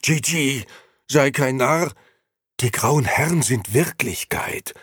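A man voicing an agitated, worried older male friend who shouts and pleads urgently in a storybook reading. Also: mid-range voice, slow, husky, no room sound, clean studio sound, voice pushed up, full character voice.

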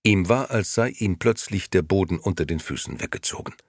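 A man reading a story aloud as narrator, in a measured and expressive way. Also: low-pitched, husky, dry recording, studio quality. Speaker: audiobook narrator. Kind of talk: scripted narration.

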